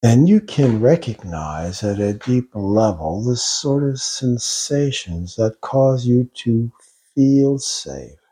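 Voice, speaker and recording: Very slow, deep-voiced male hypnotist. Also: warm tone, slightly rough. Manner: slow, soothing, drawn-out phrasing. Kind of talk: guided hypnosis script.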